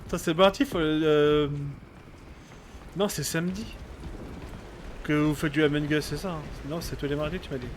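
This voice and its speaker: A man's voice: fairly high pitch, steady tone, normal speed, long pauses, slight background noise. A man giving casual, slangy gameplay commentary in an informal manner. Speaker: gamer commenting on own play.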